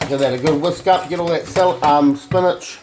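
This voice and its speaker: A man's voice: on the high side, normal speed. A man giving an informal, sweary home cooking demonstration as an amateur cook, sounding drunk. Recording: clear background noise, clicks.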